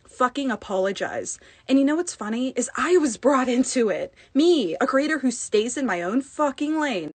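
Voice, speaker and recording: A woman's voice: mid-range voice, dry recording. Furious swearing woman ASMR creator. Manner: heated, swearing, halting restarts. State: upset and shaken. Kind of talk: angry call-out rant.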